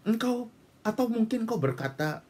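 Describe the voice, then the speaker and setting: Husky, animated preacher man. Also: very high-pitched, moderate pace. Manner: animated, exhorting, breaks into speaking in tongues. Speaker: pastor. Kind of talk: sermon with prayer in tongues.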